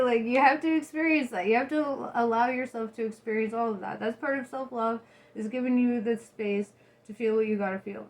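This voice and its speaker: A woman with a fairly high voice talks like she is stoned, wandering loosely through a casual rant to her followers. She is giggly and slangy, with a salty tongue and an easy, rambling way of getting to the point. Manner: giggly, laughs often while talking; salty, slangy, swears freely. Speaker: vlogger.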